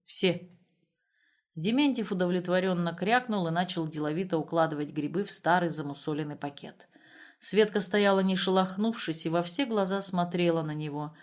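A woman narrating a story aloud in a calm, even manner. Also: fairly low pitch, fairly quick.

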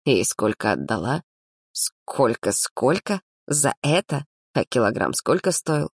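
A woman's voice: rumbling low, sing-song, slow, slightly rough, dry recording, heavily acted. A woman voicing a bossy, teasing young man who runs the camp, lecturing in a dry tone.

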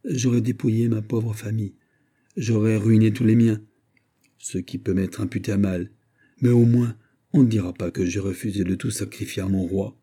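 A man voicing a dying old male cardinal who pleads and flatters theatrically, with a husky, dark voice. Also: on the low side, normal speed. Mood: scheming.

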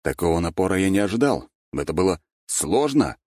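A man reads a story aloud with expressive, lively storytelling. His voice is low and moves a lot in pitch. The recording is close and very dry. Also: brisk, no room sound. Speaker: audiobook narrator. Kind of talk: scripted narration.

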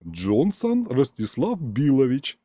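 A man voicing a polite, formal male alien assistant who speaks in a calm, matter-of-fact way. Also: mid-range voice, takes it slowly, no echo, clean studio sound, exaggerated voice.

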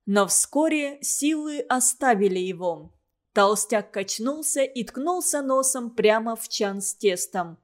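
A woman's voice: on the high side, expressive, measured pace. A woman expressively narrating a folk tale aloud as a storybook reading.

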